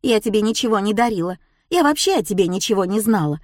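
A woman voicing an embittered middle-aged mother who is quick to shout, speaking in heated, exclaiming bursts. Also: medium pitch, dry recording, clean studio sound, lightly acted. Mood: angry.

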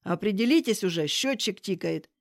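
A woman reading an audiobook, voicing an irritated middle-aged male taxi driver who speaks gruffly and impatiently. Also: mid-range voice, animated, moderate pace, no echo, clean studio sound, close to an everyday voice.

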